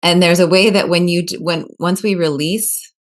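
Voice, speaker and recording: Woman, discussion participant, earnest and self-doubting, deep voice. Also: fairly even intonation, normal speed. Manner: earnest, apologetic, searching for words. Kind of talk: casual discussion of scripture.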